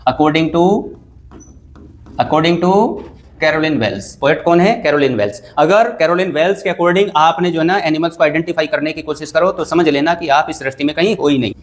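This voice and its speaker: Indian teacher quizzing his class. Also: fairly high pitch. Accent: Indian English. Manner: asks and answers his own questions; reads English lines slowly, then explains. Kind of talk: exam revision lecture.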